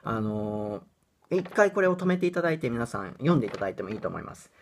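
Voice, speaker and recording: A man's voice: mid-range voice, sing-song, fast, slight background noise. A young man from Japan giving a casual pronunciation lesson, chatty and self-deprecating, breaking into bits of song. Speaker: English pronunciation teacher.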